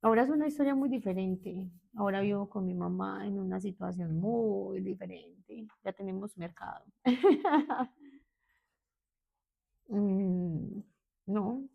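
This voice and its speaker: A woman's voice: medium pitch, slow, gravelly, highs cut off. A woman in her thirties with a Medellín Colombian accent, a therapist telling her own story in an interview, candid and hesitant, often restarting. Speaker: guest, therapist.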